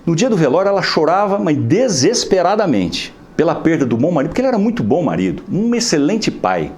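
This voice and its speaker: Lively Brazilian man giving a spiritual talk. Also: fairly high pitch, brisk. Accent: Brazilian Portuguese. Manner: lively, conversational, frequent tag questions. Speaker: lecturer at a spiritist center. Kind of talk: inspirational lecture with a humorous story.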